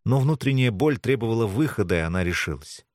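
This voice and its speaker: A male storyteller reads a novel aloud with a lively, expressive voice that moves freely up and down. He is recorded close and dry, with no room sound. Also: fairly low pitch, fast, dry recording. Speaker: audiobook reader. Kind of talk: scripted narration.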